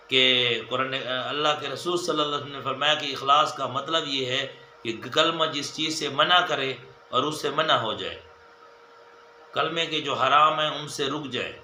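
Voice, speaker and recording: A man teaching a religious lesson in a very bright, forceful voice that sits a little high for a man. He counts off numbered points and goes over each one again. The room is echoey, with a faint hum of ambience behind him. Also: fairly even intonation. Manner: repetitive, enumerating points, addressing viewers as dear friends. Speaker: mufti giving a hadith lesson.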